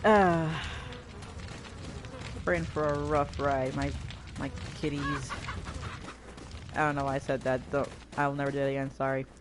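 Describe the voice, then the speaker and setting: A woman's voice: a bass voice, flat delivery, unhurried, long pauses, over music. A woman giving scattered, self-deprecating commentary while playing a game. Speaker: gamer reviewing a film. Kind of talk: casual rambling commentary.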